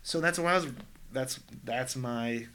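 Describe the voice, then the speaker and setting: A man in his thirties, a podcast guest, chatting casually and telling animated stories. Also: mid-range voice, measured pace, slight background noise. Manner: animated storyteller who slips into mimicked voices. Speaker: podcast guest, drag performer.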